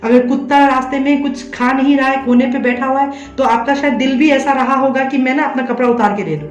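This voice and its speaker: A woman's voice: sits high, fairly even intonation, fairly quick, dull audio. Woman reading tarot in a roomy echo. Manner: coaxing, repeats a tag question to check the listener follows. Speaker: tarot reader and psychic medium. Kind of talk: addressing viewers directly in a tarot reading.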